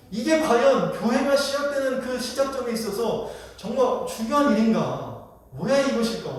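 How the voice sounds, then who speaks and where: A man's voice: sits high, a little mellow. A male pastor preaching a sermon who keeps putting questions to the congregation. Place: church sanctuary. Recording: echoey church hall from far off.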